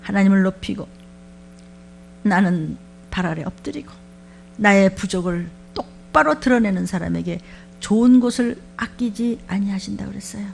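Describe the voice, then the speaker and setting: A woman pastor giving a sermon, talking to her congregation in a lively, conversational way and asking them many questions. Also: mid-range voice, moderate pace, gravelly, a little hiss or hum.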